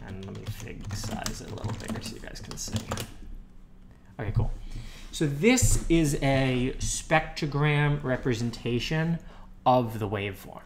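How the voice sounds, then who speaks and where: A man with a medium-pitched voice livestreams himself programming, explaining code in casual, rambling commentary with muttered asides. He sits close to a desktop USB microphone, with background noise and faint keyboard typing audible.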